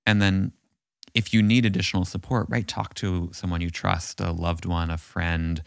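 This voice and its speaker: A man's voice: low voice, little pitch movement, moderate pace, creaky, dry recording, studio quality. A man co-hosting a podcast, talking through relationship advice in a thoughtful, musing, encouraging way. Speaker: podcast co-host. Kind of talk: casual relationship chat.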